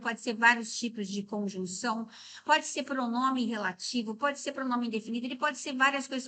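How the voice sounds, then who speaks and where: A middle-aged Brazilian woman with a fairly high, pushed and bright voice teaches a Portuguese grammar lesson for exam prep. She explains step by step, checks in with the class often, and slows down to stress words syllable by syllable.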